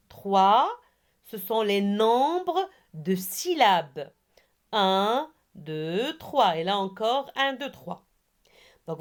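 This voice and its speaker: A woman teaching a reading lesson to young children, spelling out words syllable by syllable and praising her pupils. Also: medium pitch. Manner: slow, syllable by syllable, has pupils repeat after her; encouraging. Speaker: primary school teacher.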